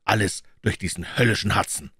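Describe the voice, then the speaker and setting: A man's voice: lowish voice, fairly quick, bright, forceful tone, breathy edge, dry recording, studio quality, exaggerated voice. A man reading the lines of a distressed young man in a storybook, speaking in an urgent, anguished way.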